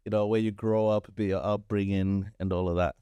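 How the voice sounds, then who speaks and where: Male podcast host, playful banter, smooth clear voice, dry close sound. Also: lowish voice, little pitch movement, fairly quick, mellow, no echo. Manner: playful, hype, teasing banter. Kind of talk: casual podcast chat.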